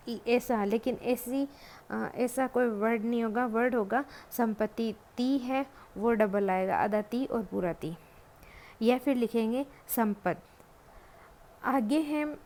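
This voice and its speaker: A woman giving a Hindi spelling lesson, speaking patiently and deliberately and pausing often to think. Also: fairly high pitch, darkish tone. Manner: patient, deliberate, many drawn-out hesitations. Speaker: Hindi grammar teacher.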